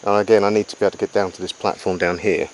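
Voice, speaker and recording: A survival diarist presents to camera outdoors by a river in the jungle, his low voice flat and rapid-fire as he explains things methodically and matter-of-factly without a script. The recording is rough, with faint insects and crickets in the jungle ambience.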